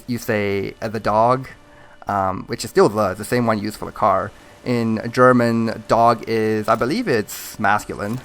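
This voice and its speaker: A man's voice: on the low side, vocal fry, a bit bright, a little hiss or hum. A man hosting a gaming video, chatting in a rambling, friendly way with lots of fillers and chuckles. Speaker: gaming channel host. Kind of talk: casual chat over gameplay.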